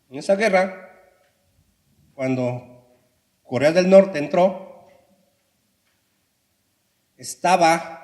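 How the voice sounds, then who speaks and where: Impassioned high-voiced male pastor. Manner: impassioned preaching, repeated addresses to the congregation. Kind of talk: sermon. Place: church. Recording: echoey church hall reverb.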